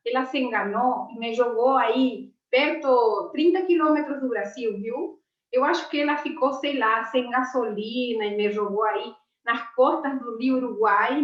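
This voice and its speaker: A woman in her forties talks on a video call with a slightly high voice, chatty and affectionate. She sounds distant from her laptop mic, in a roomy space with a dull, muffled tone. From Argentina. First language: Spanish. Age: 40s. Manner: chatty and affectionate, laughs often. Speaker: teacher. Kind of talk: casual chat on a video call.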